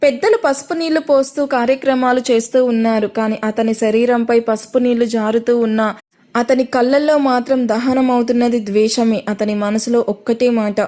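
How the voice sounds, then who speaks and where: Brief: higher-pitched woman, storyteller reading a serialized romance aloud, one voice for all the characters. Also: steady tone, moderate pace, a little mellow. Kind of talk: scripted audio-story narration.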